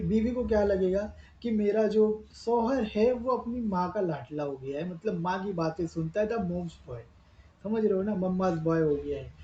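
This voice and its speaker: A man's voice: high-pitched, dark tone, reverberant, highs cut off. A man answering viewer questions in a live advice talk, earnest and explaining step by step while repeating his points.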